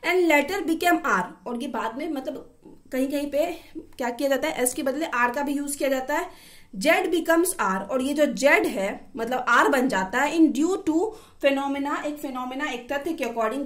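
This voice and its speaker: A woman teaching a linguistics lesson, reading English lines slowly and then explaining each one. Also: high-pitched.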